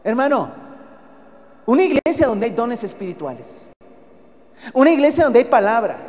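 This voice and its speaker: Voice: mid-range voice, darkish tone, in a large hall. A preacher with a Mexican accent delivering an emphatic sermon, often calling the listeners brother and asking them rhetorical questions.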